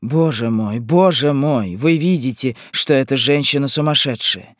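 A man voicing a soft, sorrowful queen. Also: medium pitch, a little slow, dry recording, clean studio sound, close to an everyday voice. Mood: pleading. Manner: soft, pleading, restrained. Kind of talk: audiobook character voice.

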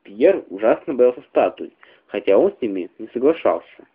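A man reading a literary story aloud in a measured, expressive way. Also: medium pitch, breathy edge. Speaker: reader. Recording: tinny phone-like radio recording.

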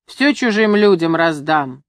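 A woman's voice: sits low, lively intonation, measured pace, dry recording, studio quality. A woman voicing a mocking, irritable old grandfather who snaps and sneers in a storybook reading. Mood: snapping. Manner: sneering, snapping.

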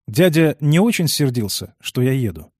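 A man's voice: medium pitch, very animated, moderate pace, darkish tone, husky, dry recording, clean studio sound. A man reading the part of an eager, somewhat hesitant young man. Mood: earnest.

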